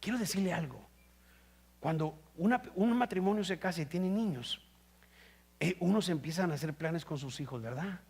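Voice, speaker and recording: High, gravelly-voiced preaching pastor. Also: male voice, lively intonation, moderate pace, a little mellow. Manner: preaching with rising emphatic bursts and rhetorical questions. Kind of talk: sermon. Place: church. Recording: live stream.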